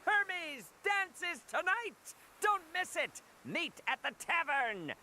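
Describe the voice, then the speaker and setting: A showy game barker, touting a dancer's show in a very high, piercing voice. The calls are slow and drawn out, swooping wildly. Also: male voice, very animated, sharp tone, a little hiss or hum, exaggerated voice. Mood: showy, inviting. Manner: drawn-out, calling out to passers-by.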